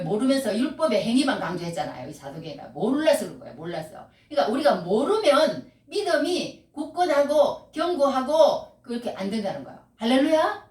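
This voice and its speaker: A middle-aged woman preaching a sermon, animated and repeating key phrases, often calling out hallelujah. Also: fairly high pitch. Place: church sanctuary. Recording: echoey room, voice from far off mic. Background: congregation responding.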